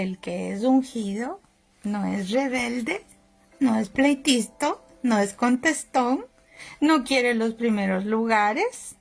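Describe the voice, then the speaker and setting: Gravelly woman preaching a sermon. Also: on the high side. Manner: storytelling, acts out voices in the story.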